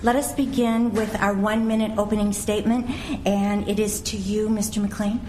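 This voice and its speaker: A woman's voice: medium pitch, little pitch movement, moderate pace, dark tone. An American woman moderating a forum, formally introducing speakers and reading out questions. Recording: echoey room, background noise.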